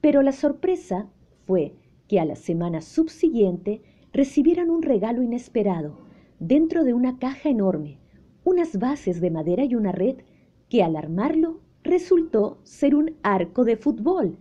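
A woman narrating a children's story in a slow, gentle, expressive way. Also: fairly high pitch, lo-fi sound.

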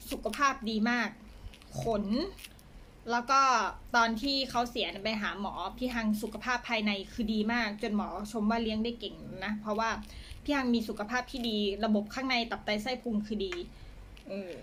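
Soft-spoken chatty woman, fairly high voice. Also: slight background noise. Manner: soft-spoken, chatty, many hesitation fillers; talks fondly to her pets. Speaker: pet owner vlogger. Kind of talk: casual chat to camera.

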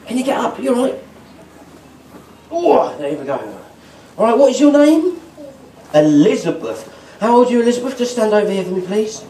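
A man's voice: high-pitched, big pitch swings, moderate pace, pauses often, dark tone, distant mic, slight background noise. A middle-aged British man doing exuberant kids party magician patter, calling out questions to the children. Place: on stage in a festival marquee. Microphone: distant audience camera picking up amplified voice. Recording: echoey tent PA, picked up from afar.

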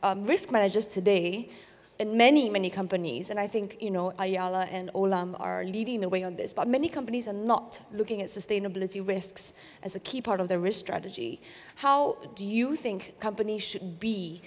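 A woman's voice: mid-range voice, normal speed. A woman moderating a panel discussion, speaking politely and conversationally into a handheld microphone with occasional fillers. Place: conference stage with a live audience. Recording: reverberant conference hall.

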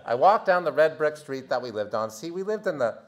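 A man in his fifties from the United States, a doctor telling a theatrical story from his youth in a talk, dropping low and quiet, then building to loud outbursts. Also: a little fast. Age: 50s. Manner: animated, theatrical, swings from quiet to shouting. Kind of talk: storytelling presentation.

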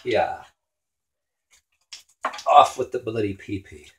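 Slow-paced and on the low side, a man hosts a home cooking show, cutting meat in a small kitchen and talking casually and crudely. He cracks jokes as he chops. Behind him, the kitchen clatters, recorded by a camera on the counter.

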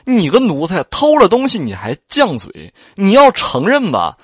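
A man voicing a sharp-tongued, jealous, tipsy mistress who scolds and threatens a maid, in an audiobook reading. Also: sits high, wildly swooping pitch, moderate pace, slightly rough, dry recording, studio quality, pitched above the performer's own voice, full character voice. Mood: angry scolding.

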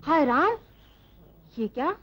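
A woman's voice: high voice, slow. An actress playing a kind village woman who exclaims with worry as she frees a tied-up man, in a 1970s film. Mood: worried. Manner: worried, exclaiming. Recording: dull, noisy 1970s film soundtrack.

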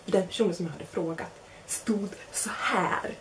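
Speaking at a fairly low pitch with slight noise behind her, a young woman relates a funny story at her own expense. She animatedly performs the lines of the others involved, keeping it casual.

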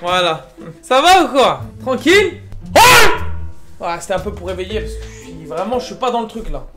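Young man, live streamer, tired, slangy, excitable, music behind. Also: high voice, a little fast. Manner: excitable, slangy, groaning exclamations. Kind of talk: casual live-stream chat.

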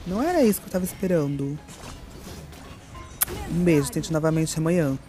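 A woman's voice: low-pitched, lively intonation, fairly quick, dark tone, soft background music. Campy woman trash-talking. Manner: campy, theatrical trash talk with playful swearing. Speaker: gaming streamer. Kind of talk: live gameplay commentary.

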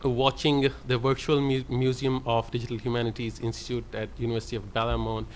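A mid-range male voice, level in tone and a little fast, comes from a librarian presenting on a conference panel. He speaks haltingly with lots of fillers into a table mic at the panel table, and there's a bit of hiss or hum.

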